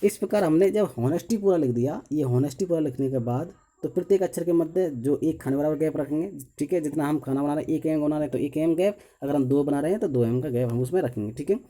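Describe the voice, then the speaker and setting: A man's voice: fairly high pitch, quick pace, hardly any pauses, dark tone. A man teaching an engineering drawing lesson step by step. He counts lines aloud as he draws, says 'okay' after nearly every step, and asks himself questions before answering them. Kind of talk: step-by-step tutorial while drawing.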